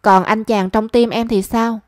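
A woman's voice: fairly high pitch, fairly even intonation, a little slow, dry recording, clean studio sound, lightly acted. A woman reading a young man's lines in a story, his speech pleading and self-reproaching. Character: lovesick young man, pleading and rueful.

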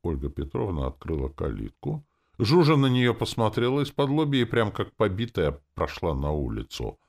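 A man narrating a first-person audiobook in a wry, expressive way. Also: on the low side, normal speed, creaky. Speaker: audiobook reader.

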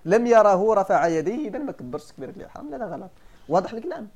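Lively, fast-talking Moroccan teaching sheikh. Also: male voice, high voice, highs cut off. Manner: animated explaining, often checking the class understands. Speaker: sheikh teaching Maliki jurisprudence. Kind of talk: classroom religious lesson.

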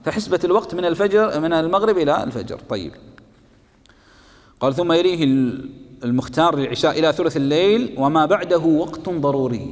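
A man's voice: a little high, long reverb tail. A man who teaches jurisprudence, reading lines from a text and then explaining them in colloquial speech, often asking a question and answering it himself. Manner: asks and answers his own questions. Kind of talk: explaining a fiqh text to students.

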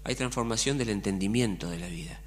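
A man's voice: on the low side, fairly quick, slight background noise. A middle-aged man with an Argentine accent preaching a sermon as pastor, colloquial and full of rhetorical questions. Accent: Argentine Spanish.

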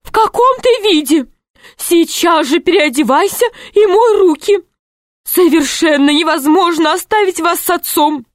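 Woman doing a shrill nagging wife. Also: expressive, a little slow, no room sound, clean studio sound. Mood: scolding. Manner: high, nagging, near-crying outbursts. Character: shrill scolding wife, middle-aged woman, bossy.

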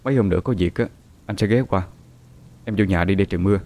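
A man voicing a gentle young suitor who speaks softly. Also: low-pitched, fast talker. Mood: tender.

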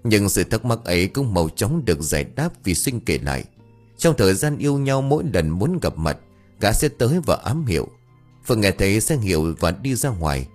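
A man narrating a dark folk tale in an expressive, dramatic way. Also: sits low. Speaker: storyteller. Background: faint music.

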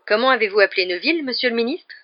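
A woman voicing an excitable young male bus conductor in a storybook reading, loud and shouting. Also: medium pitch, fast, muffled recording, voice pushed up, lightly acted. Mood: overexcited.

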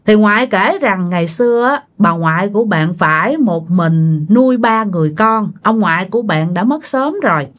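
A woman's voice: medium pitch, lively intonation, moderate pace, few pauses. A woman narrating a ghost story for her channel, chatty and colloquial, often speaking straight to her listeners.

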